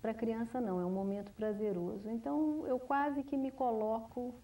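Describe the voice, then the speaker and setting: A woman writer, answering interview questions in a measured, reflective way, often restarting and adding "né?". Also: on the high side, steady tone, warm tone. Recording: distant mic, 1990s TV studio recording.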